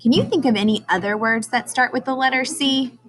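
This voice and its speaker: Her voice sits high and moves fairly quickly as she, an early-grades teacher, reads aloud to young children. Along the way she poses questions and carefully sounds out key words.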